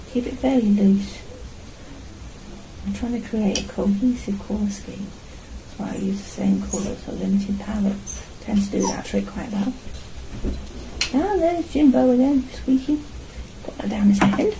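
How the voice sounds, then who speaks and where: In a small indoor art studio at home, a middle-aged artist and vlogger narrates casually while painting, talking both to herself and to the camera. Her voice is medium-pitched and gravelly, set against a noisy background.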